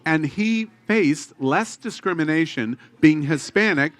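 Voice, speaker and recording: A man's voice: on the high side, animated, unhurried, a bit bright. A man hosting a podcast panel, talking casually with frequent restarts and a playful, hesitant manner. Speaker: podcast host. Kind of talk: casual group chat.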